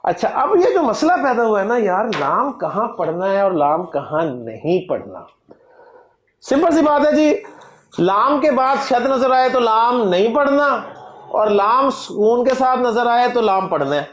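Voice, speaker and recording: A Pakistani man teaching a Quranic Arabic class in Urdu, explaining slowly with a Pakistani accent, drawing words out and often checking "right?" with the students. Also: very high voice, sing-song. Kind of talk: classroom lecture. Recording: echoey classroom.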